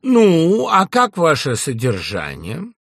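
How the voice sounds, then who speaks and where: A man's voice: fairly high pitch, huge pitch swings, takes it slowly, a bit bright, no room sound, studio quality, voice pushed up, exaggerated voice. Zverkov, a man putting on a lisping drawl. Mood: patronizing. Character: condescending young man, pompous, lisping and drawling.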